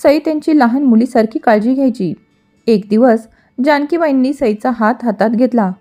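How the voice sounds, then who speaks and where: A woman narrating a storybook tale in a steady, expressive way. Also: a little high, moderate pace, faint music behind.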